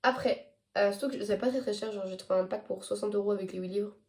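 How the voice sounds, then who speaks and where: A woman's voice: mid-range voice, fast talker, darkish tone. Tired teenage girl chatting about books. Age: teens. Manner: chatty, hesitant, stumbles over English titles. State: tired and sick. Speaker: book vlogger. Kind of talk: casual chat to camera.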